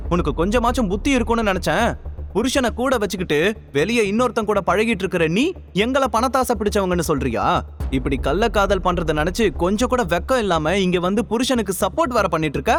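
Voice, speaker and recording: Old grandmother, haughty, scornful, fast scolding, man voicing her. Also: high-pitched, lively intonation, long reverb tail, slight background noise.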